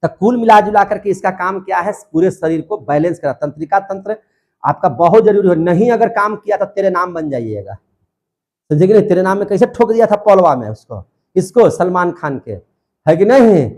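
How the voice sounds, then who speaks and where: High-voiced man teaching a lively lecture. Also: normal speed. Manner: lively, repeats questions and has the class answer back. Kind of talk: classroom lecture.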